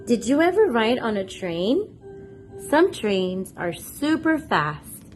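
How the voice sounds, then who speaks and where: Against faint background music, a woman with a voice on the high side reads a picture book for children, taking her time and letting her pitch swing widely. As the channel's read-aloud host, she reads expressively and asks her young listeners questions.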